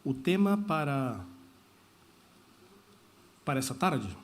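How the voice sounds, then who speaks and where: A man's voice: mid-range voice, very animated, takes it slowly. A man preaching a sermon as pastor, talking in a conversational way and slipping into Spanish phrases. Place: church service.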